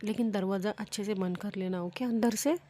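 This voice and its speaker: A woman voicing a kindly middle-aged mother who speaks gently. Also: mid-range voice, fairly quick, a little hiss or hum, lightly acted. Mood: gentle.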